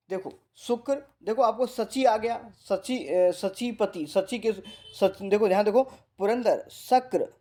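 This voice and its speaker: Mellow-voiced male teacher drilling vocabulary. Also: high-pitched. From India. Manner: repeats words and drills students; casual, addresses students as bhai. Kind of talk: Hindi vocabulary lesson.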